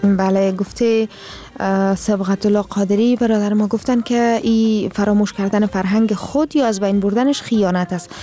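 Mellow Afghan Dari-speaking woman co-host. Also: mid-range voice, steady tone, faint music behind. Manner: agreeing, backing up the host. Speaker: radio co-host. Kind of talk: radio call-in talk.

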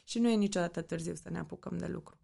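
A woman's voice: fairly low pitch, vocal fry, warm tone, breathy edge. A woman from Romania, a mother, talking earnestly and reflectively as an interview guest. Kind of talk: candid interview talk.

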